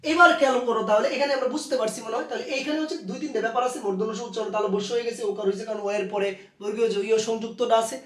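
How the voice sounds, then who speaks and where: A man teaching a pronunciation lesson, addressing students fondly and slowly repeating each rule. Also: extremely high pitch, steady tone, a bit bright, far from the mic. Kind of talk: recorded Bangla pronunciation lesson. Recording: echoey room, voice off-mic.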